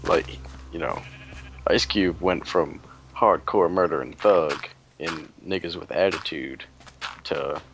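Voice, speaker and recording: A man's voice: low-pitched, slow, fairly bright tone, a little hiss or hum. A young man hosting a let's play, chatting casually in a rambling way with lots of fillers and crude jokes. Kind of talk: casual chat while gaming.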